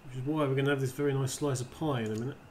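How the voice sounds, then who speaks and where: A man's voice: mid-range voice, fairly even intonation, racing, warm tone, a little hiss or hum. A man giving casual let's play commentary, chatting and thinking aloud as he plays. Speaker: gamer commentating. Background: video game ambience.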